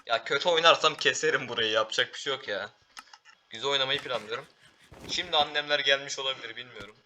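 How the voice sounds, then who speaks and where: A teenage boy giving excitable live commentary while playing a game, calling out to teammates and viewers. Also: mid-range voice, fast talker, a little hiss or hum. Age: teens. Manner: excitable, talks to teammates and viewers, frequent exclamations. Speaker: gaming YouTuber.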